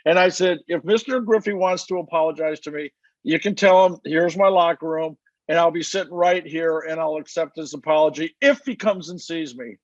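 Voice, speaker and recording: A man's voice: fairly high pitch, normal speed, dry recording, muffled recording. An older man, a retired umpire, casually telling stories with lots of "you know" asides. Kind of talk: casual anecdote.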